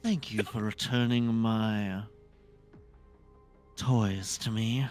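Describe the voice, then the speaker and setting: A game master voicing a coolly condescending, commanding female dominatrix pixie in a tabletop game, speaking deliberately. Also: medium pitch, darkish tone, soft background music, pitched below the performer's own voice, natural voice.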